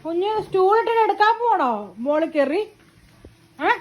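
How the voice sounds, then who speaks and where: A woman's voice: very high-pitched, expressive, moderate pace, dull audio. A mother at home talking to her toddler in coaxing, teasing baby talk full of repeated questions.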